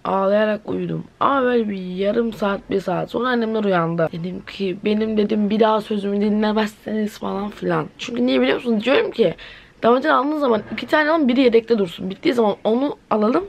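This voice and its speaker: An eighteen-year-old woman talks to her camera at home in a casual vlog. Her voice sits in a middle pitch but carries a gravelly, creaky edge. She tells stories dramatically, with bursts of exclamation. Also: fast talker. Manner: chatty, dramatic storytelling with exclamations. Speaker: vlogger. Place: at home indoors.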